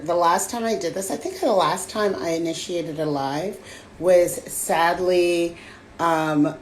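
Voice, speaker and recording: Raspy woman hosting a slow live chat. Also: on the low side, slight background noise. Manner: relaxed and chatty, with frequent fillers. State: slightly hoarse from a cold. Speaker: host. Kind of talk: casual livestream chat. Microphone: phone on a live stream.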